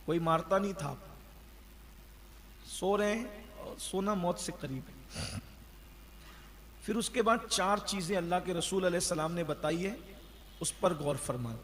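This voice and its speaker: A man delivers a sermon, his voice pitched high. He exhorts his listeners and asks rhetorical questions. The sound rings with long reverb, as in a large hall. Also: a bit bright. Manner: exhorting, rhetorical questions, chants the creed slowly. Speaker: preacher. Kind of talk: Ramadan sermon.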